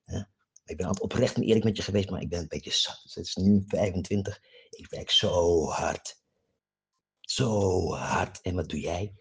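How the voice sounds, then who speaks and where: A man with a very low, gravelly voice that is rough and husky throughout. He rambles through a profane rant aimed at a friend, dropping to a mutter and then flaring up loud, and keeps pushing for agreement with a questioning "eh?". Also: fast talker. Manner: swings between low muttering and loud outbursts, keeps asking "hè?"; profane and rambling, jumps between topics.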